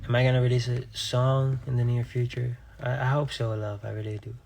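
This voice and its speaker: A young man from Rhode Island, a singer, chatting casually on a live stream and reading viewers' questions aloud before answering them in a relaxed, offhand way. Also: mid-range voice, a little fast, gravelly, background noise. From Rhode Island, USA.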